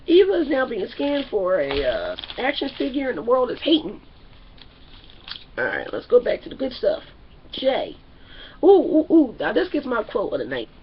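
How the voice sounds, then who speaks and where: A woman's voice: a little high, huge pitch swings, normal speed, highs cut off, a little hiss or hum. A woman hosting a casual comedic TV recap in a brash, profane way, putting on voices for the people she describes. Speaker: TV show recap host.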